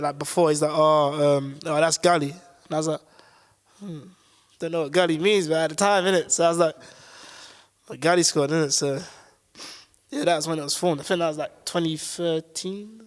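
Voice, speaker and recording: A man's voice: a little high, moderate pace. A man telling a loose story as a guest, giggling and quoting his friends. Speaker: crew member guest. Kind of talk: casual storytelling. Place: small DIY studio.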